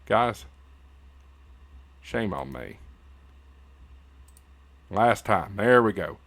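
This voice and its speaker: A man's voice: fairly low pitch, very animated, drawn-out words, fairly bright tone. A man with an Appalachian hillbilly accent hosting a casual tutorial in a folksy, informal way, talking straight to his viewers. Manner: folksy, informal, addresses viewers as y'all and guys. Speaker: YouTube host and amateur radio news anchor. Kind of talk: casual tutorial livestream chat.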